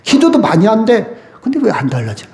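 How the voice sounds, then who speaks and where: A man's voice: sits high, wildly swooping pitch, fairly quick, creaky, warm tone, reverberant. A man preaching a sermon as pastor, emphatic and asking the congregation questions. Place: church sanctuary.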